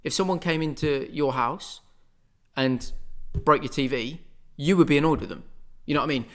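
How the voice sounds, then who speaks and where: A man's voice: a little high, moderate pace. A man, hosting a casual spoken monologue in a rambling, conversational way full of asides. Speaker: podcast host.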